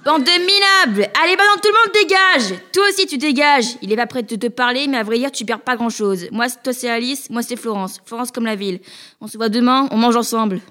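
Une femme qui joue une écolière hardie et directe, au ton autoritaire. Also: female voice, fairly high pitch, fairly even intonation, a little fast, fairly bright tone, voice pushed down, close to an everyday voice. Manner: bossy and blunt. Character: tough, bold schoolgirl Florence.

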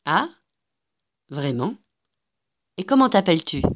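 A cold, suspicious charity lady in her fifties, as a woman reader puts her on, falsely sweet and probing. Her voice drops low and moves slowly, as in a storybook reading. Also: sing-song, highs cut off, noisy background. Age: 50s.

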